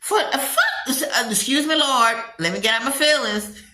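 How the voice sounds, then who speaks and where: A woman's voice: high voice, moderate pace, sharp tone. A woman giving a blunt, profane, casual gossip recap of reality TV shows. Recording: echoey room.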